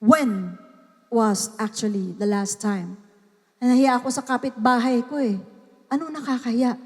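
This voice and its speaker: A woman with a Filipino accent preaching a sermon, mixing languages and breaking into loud, pleading cries. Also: on the high side, a little slow, long reverb tail. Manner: code-switching, swings to shouted pleas.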